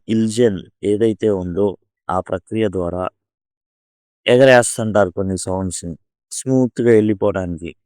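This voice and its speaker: A man teaches an English lesson in a low, smooth voice. He slows down and draws out example words to show how they are spoken. The recording is close and dry, with no room sound. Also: dry recording. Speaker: English lecturer. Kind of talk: explaining a lesson.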